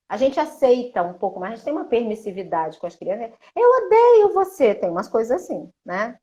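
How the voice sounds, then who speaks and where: Uma psicóloga brasileira conversa de forma solta e falante, com a voz levemente alta. Ela dramatiza falas de mãe e criança no meio da explicação, numa transmissão ao vivo. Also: female voice, a little high, lo-fi sound. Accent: Brazilian Portuguese. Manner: chatty, acts out parent-child dialogues. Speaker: psychologist and mentor. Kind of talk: live-stream talk on emotions.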